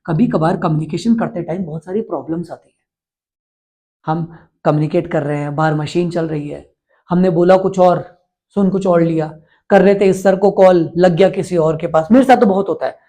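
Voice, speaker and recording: A man's voice: high-pitched, normal speed, warm tone. A male teacher from India giving an exam-prep lecture, constantly quizzing his students and repeating the answers.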